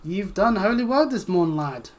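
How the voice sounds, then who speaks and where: A woman's voice: medium pitch, lively intonation, normal speed, darkish tone, close to an everyday voice. A woman reading a pious old-fashioned village elder. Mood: solemn. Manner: old-fashioned, solemn phrasing.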